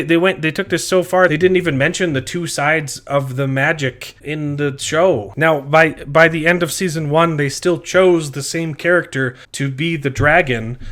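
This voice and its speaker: A male vlogger with a slightly high voice delivers an opinionated fan rant. He is exasperated and emphatic, and he digresses as he makes his case to viewers. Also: a bit bright.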